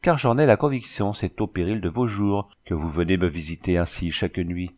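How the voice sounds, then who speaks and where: A man reading the lines of a wounded young French engineer, emphatic and lifted in pitch. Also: a little fast, a little mellow, lightly acted. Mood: insistent.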